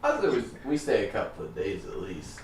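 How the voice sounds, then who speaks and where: Man, tabletop player, lowish pitch, casual joking chat, far from mic. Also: very animated, brisk, a little mellow. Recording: roomy, distant mic, faint noise.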